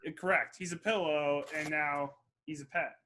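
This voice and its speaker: A man co-hosting a casual podcast, giving short, playful deadpan replies. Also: a little high, moderate pace, slight background noise. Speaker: podcast co-host. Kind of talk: casual chat.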